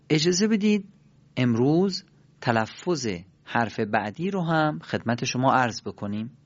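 A man's voice: medium pitch, no echo. Patient man teaching pronunciation, dull recording. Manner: patient, repeats and demonstrates sounds. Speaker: Quran recitation teacher. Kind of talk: spoken pronunciation lesson.

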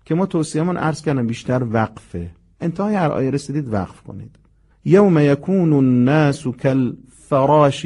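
A man teaches a Quran memorization lesson at a medium pitch. He explains each point patiently and sounds out the Arabic phrases slowly and carefully for learners to repeat. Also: a little mellow, breathy edge. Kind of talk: recitation lesson.

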